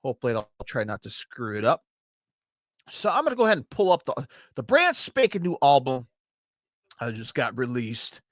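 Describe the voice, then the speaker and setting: A man's voice: mid-range voice, wildly swooping pitch, normal speed, pauses often, no echo, clean studio sound. A man with a Chicago accent hosting a podcast, reviewing metal albums in an enthusiastic, profane, rambling way. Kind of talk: casual solo podcast review.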